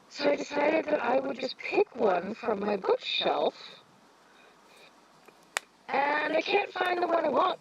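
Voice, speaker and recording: A woman's voice: fairly high pitch, gravelly. Woman talking into a fan-muffled phone. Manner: rambling, with many fillers. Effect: muffled whooshing sound, like talking into a fan. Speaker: stream co-host and audiobook narrator. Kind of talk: casual chat.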